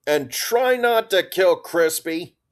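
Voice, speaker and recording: A wry woman major trades dry remarks and gives clipped orders in a fairly low, steady voice. The voice stays close to the reader's own, as a man reads her lines. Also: normal speed, natural voice. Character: wry woman major, squad leader, sardonic.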